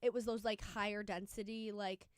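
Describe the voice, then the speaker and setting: A woman's voice: medium pitch, fairly even intonation, no echo. Young woman on sports radio, chatty, dry close mic. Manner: chatty, fillers, quick opinions. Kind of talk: casual sports chat.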